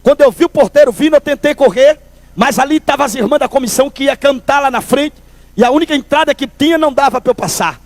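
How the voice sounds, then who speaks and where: A man with a strikingly high voice gives a preached testimony before a congregation. He tells his story in a lively way and keeps calling the listeners "brother". The sound is close and dry, with no room echo. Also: fast talker. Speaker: church testimony speaker.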